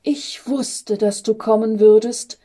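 A woman voicing a small, eager boy angel in a storybook reading, with high, bright calls. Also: fairly even intonation, slow. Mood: wondering.

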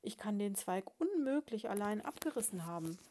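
A woman voicing a young female dormouse bride in a storybook, speaking in a high, squeaky, pleading voice. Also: lively intonation, normal speed, mellow, slight background noise, natural voice. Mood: wondering.

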